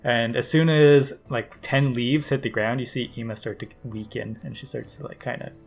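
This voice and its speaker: A man's voice: medium pitch, fairly even intonation, moderate pace, gravelly. A man runs a tabletop game as game master, narrating loosely with plenty of fillers. His voice sits in a middle range. The recording is thin and phone-like. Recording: tinny phone-like call audio.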